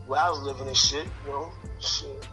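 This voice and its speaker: A man in his fifties, late fifties to be exact, from Connecticut, appears as an interview guest telling prison stories in a casual, streetwise way, capping nearly every phrase with "man" or "son." His medium-pitched voice is steady, pushed and bright, at a moderate pace, with soft music in the background.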